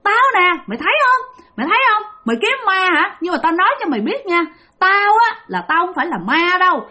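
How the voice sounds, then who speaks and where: A woman voicing a vengeful female demon who jeers and menaces in a raised, shrill voice. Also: big pitch swings, quick pace, pushed and bright, exaggerated voice. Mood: taunting. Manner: taunting, menacing, repetitive jeering. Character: vengeful female demon, killed by a bomb, taunting.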